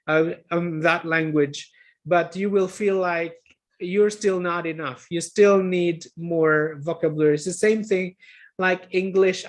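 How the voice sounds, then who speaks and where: Male lecturer on a video call, slow and hesitant, raised pitch. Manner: hesitant, filler-heavy, self-correcting. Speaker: guest lecturer. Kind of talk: online Q&A talk.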